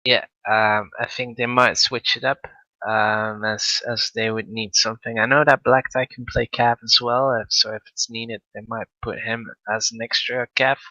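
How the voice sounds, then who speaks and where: A man's voice: mid-range voice, flat delivery, normal speed, pushed and bright, dry recording, lo-fi sound. A man co-commentating a video game match, laughing easily and hesitant with many ums and uhs. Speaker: esports co-commentator.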